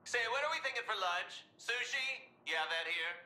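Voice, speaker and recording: A man's voice: high-pitched, expressive, normal speed, pushed and bright, roomy sound, full character voice. A man playing a flamboyant young clown supervillain in a video game, theatrical and mischievous with mock sweetness. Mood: sly, chatty.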